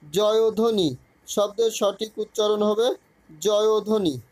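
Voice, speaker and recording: A man tutoring for an exam, reading out grammar questions and then giving each answer in a measured way. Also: high voice, steady tone, dry recording, poor audio.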